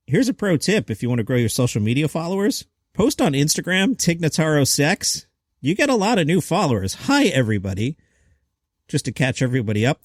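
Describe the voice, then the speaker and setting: A man's voice: a little high, no echo, clean studio sound. A man hosting a comedy news show, reading scripted items and quotes with wry, chatty asides and rhetorical questions.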